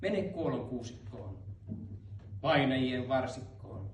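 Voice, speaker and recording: A man's voice: mid-range voice, animated, slight background noise, natural voice. A man chanting as a grieving mother. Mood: sorrowful. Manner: soft, slow chanted verse. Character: grieving mother, tender and resigned. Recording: roomy hall, mic far off.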